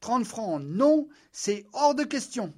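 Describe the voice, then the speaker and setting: A man's voice: very high-pitched, very animated, slow pace, warm tone, pitched above the performer's own voice, exaggerated voice. A man voicing an anxious middle-aged carpenter who haggles and insists, fussy and a little stammering. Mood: indignant. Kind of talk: audiobook character voice.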